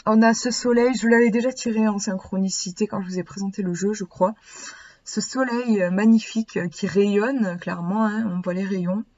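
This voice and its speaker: A woman with a husky, slightly breathy voice and an audible lisp gives a card reading. Her pitch sits in the middle of the female range. The recording is a little dull and lo-fi. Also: a little mellow. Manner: hesitant, searching for words. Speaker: oracle card reader. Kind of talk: casual card reading, with passages read from a booklet.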